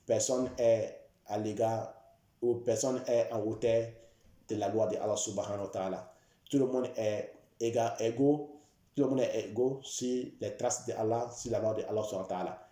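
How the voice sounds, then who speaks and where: Preacher, roomy echo. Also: male voice, fairly low pitch, fairly even intonation, normal speed, mellow. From West Africa. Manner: preachy and repetitive, rising emphatically in warnings. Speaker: Islamic preacher. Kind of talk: sermon.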